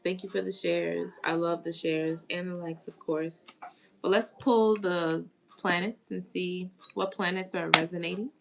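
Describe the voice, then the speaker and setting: Woman, lower voice with a gravelly edge, casual live-stream tarot host who chats with viewers. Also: a bit bright, a little hiss or hum. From United States. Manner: chatty, greets viewers and reads comments aloud. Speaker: tarot reader.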